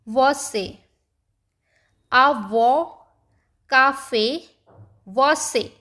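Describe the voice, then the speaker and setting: A woman teaching a beginners' language lesson, drawing out each example word slowly. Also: high voice, fairly bright tone. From India. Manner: slow, stretched-out example words.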